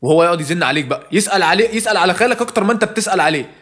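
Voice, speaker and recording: A man's voice: high voice, lively intonation, fairly bright tone. A man with an Egyptian Arabic accent ranting in a comic monologue, with curses he cuts off mid-word. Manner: rapid exasperated ranting with clipped-off curses. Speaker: comedy video host.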